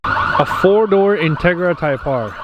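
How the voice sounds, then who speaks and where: A man with a high voice and lively intonation speaks at a measured pace, though the highs are cut off. He's a car vlogger doing an enthusiastic, slangy, casual walk-around at a noisy outdoor car meet, with vehicle sounds, cars, and a car alarm that beeps now and then.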